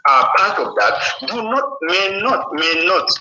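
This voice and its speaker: A man speaks very slowly through a phone set on speakerphone. His voice is sharp and tense. It sounds roomy and muffled, as if the call is picked up across a room. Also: high voice, sing-song, a little hiss or hum. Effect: heard over a phone on speakerphone. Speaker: guest author. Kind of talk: reflective interview answer.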